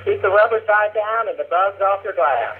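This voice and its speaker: A man's voice: high-pitched, normal speed, voice pushed up. A man voicing a folksy male trucker who calls in over a CB radio like a walkie-talkie and rattles off trucker slang. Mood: cheery. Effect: tinny CB radio, like a walkie-talkie. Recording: tinny narrow-band radio line.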